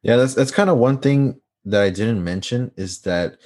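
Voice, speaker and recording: A young man co-hosting a casual movie chat, laid-back and quick to laugh. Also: medium pitch, a little mellow. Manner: laid-back, laughs often, short agreeing replies. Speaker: podcast co-host.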